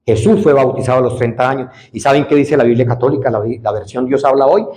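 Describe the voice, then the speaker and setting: A man preaching an evangelistic sermon as pastor, swinging between soaring emphasis and hushed asides. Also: medium pitch, steady tone, fast talker. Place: church sanctuary. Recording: roomy church echo.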